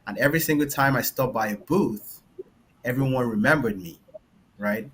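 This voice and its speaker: Sharing a personal story on a panel, this engineer and founder from Nigeria speaks with a light Nigerian accent, casually and loosely, scattering "like" everywhere and tagging lines with "right?". His mid-range voice is a bit bright at a normal speed, with a little hiss or hum in the recording.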